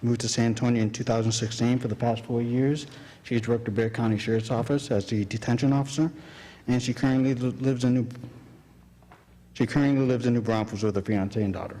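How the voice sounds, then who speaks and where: Police lieutenant with a dark mellow tone. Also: male voice, medium pitch, fairly even intonation, a little fast. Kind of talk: formal introduction at a council meeting. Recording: reverberant council chamber, audience present.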